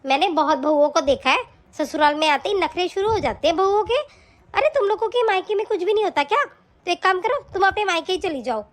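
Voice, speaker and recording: A woman's voice: extremely high pitch, lively intonation, fast talker. A woman voicing a nagging, scornful middle-aged mother-in-law in a cartoon, scolding and taunting harshly. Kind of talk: cartoon voice acting.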